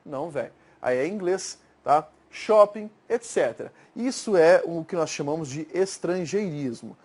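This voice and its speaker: A man with a fairly high voice teaches Portuguese grammar in a Brazilian accent, in the manner of an exam-prep video lecture. He works through examples step by step, stretches out the words he is showing, and keeps asking the class if they follow. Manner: explains step by step, checking in with frequent "tá?" and "certo?"; slangy and informal at times.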